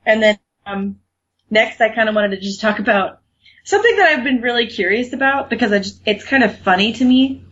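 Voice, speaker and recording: A woman's voice: on the high side, expressive, fairly quick, a bit bright, breathy edge. A young woman co-hosting a podcast in casual chat, talking freely with lots of fillers and laughs. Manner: chatty, laughs often, many fillers. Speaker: podcast co-host. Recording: muffled lo-fi recording.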